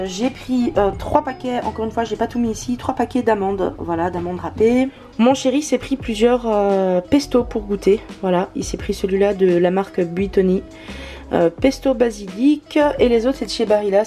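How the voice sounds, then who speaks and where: A woman vlogger talking casually through a shopping haul, pausing often with hesitant fillers. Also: medium pitch, dark tone. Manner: chatty, many hesitant fillers.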